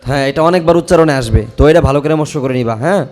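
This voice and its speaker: Soft background music accompanies a Quran recitation class where a Bangladeshi Bengali-accented teacher in a madrasa classroom chants verses slowly and at length. He then switches to brisk pronunciation explanations peppered with checking questions. His darkish-toned voice sits on the high side.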